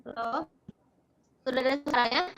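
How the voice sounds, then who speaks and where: A woman's voice: sits high, normal speed, noisy background. A woman speaking as a guest over a remote video call, her audio breaking up and cutting out from a weak connection, as she keeps checking whether she can be heard. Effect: choppy, cutting-out audio from a weak internet connection.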